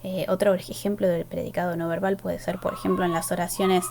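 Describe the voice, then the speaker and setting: A woman's voice: on the low side, little pitch movement, fairly quick, creaky, a little mellow, a little hiss or hum. Patient woman teaching a grammar lesson. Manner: patient, explains step by step, rhetorical checks with students. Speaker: language teacher.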